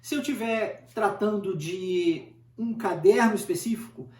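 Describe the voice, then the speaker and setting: A man's voice: sits high, a little slow. Man teaching in a roomy space. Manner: conversational, repeats points, asks rhetorical check-ins. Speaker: English teacher. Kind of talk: informal video lesson. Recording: roomy, distant from the mic.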